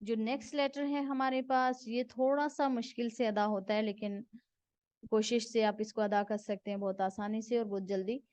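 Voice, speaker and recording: A woman's voice: on the high side, fairly even intonation, moderate pace, darkish tone, no room sound. A woman giving a Quran reading lesson, patiently repeating each letter sound several times. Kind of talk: step-by-step pronunciation lesson. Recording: dull, dry close recording.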